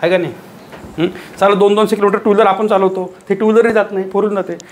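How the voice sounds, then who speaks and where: Speaking high and racing along in a steady tone, this man gives a motivational talk as a teacher before a live crowd. He hammers points through repetition and rhetorical questions, with a little hiss or hum on the audio.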